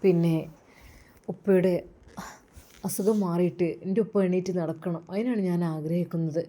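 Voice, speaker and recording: A woman voicing a devoted young adult son who gently reassures his sick father, in a storybook tale. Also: on the low side, steady tone, moderate pace, natural voice. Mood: reassuring.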